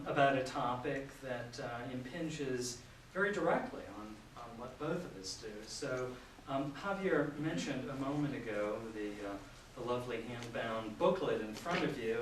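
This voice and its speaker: Man in his 60s lecturing in an echoey hall. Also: medium pitch. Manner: chatty and self-deprecating, with many fillers. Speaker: professor giving a public lecture. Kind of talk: informal public lecture. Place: large lecture room with an audience. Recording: echoey hall, mic at a distance, audience noise.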